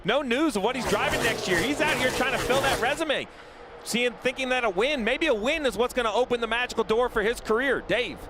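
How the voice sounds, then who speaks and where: A man gives live motorsport analysis in a high voice at a quick pace. He explains as he goes, and engine noise is clearly audible behind him. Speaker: TV race analyst. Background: race cars and outdoor track noise.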